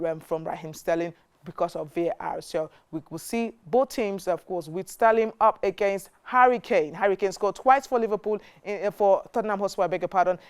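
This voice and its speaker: A woman's voice: mid-range voice, clean tone. A woman with a Nigerian English accent presenting a TV sports segment, reading fixtures with lots of fillers and chatty asides. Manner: chatty, many fillers, proud and excited about home team. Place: TV studio.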